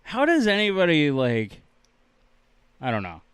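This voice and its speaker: A man's voice: a little high, huge pitch swings, measured pace, a bit bright, smooth, no echo. A young man co-hosting a casual podcast, ranting in an exasperated voice full of swearing. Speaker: podcast co-host. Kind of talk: casual chat.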